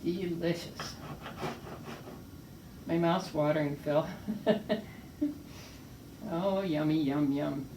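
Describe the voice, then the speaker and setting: Drawing out her words and leaving long pauses, this older woman speaks in a low, steady tone as she co-hosts a homemade cooking video and savors each bite aloud with gushing praise. The casual chat takes place in a retirement community home, and the recording is echoey, distant and faintly hissy.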